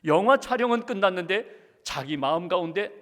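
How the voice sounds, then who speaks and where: High-voiced pastor preaching in a hall. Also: male voice, expressive, a little fast, a bit bright. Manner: earnest preaching, sometimes pleading in prayer. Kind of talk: sermon. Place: large church sanctuary. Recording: church hall reverb.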